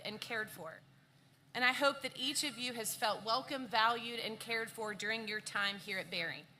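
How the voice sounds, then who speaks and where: A woman's voice: a little high, pushed and bright, a little hiss or hum. A woman speaking as alumni association president, giving an earnest, formal speech to graduates at an outdoor ceremony.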